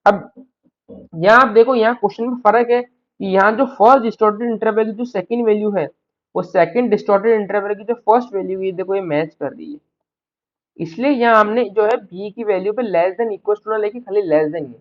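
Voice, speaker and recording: A man's voice: high voice, normal speed, highs cut off. A man teaching a math lecture, explaining step by step and often checking in with his students. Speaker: maths tutor.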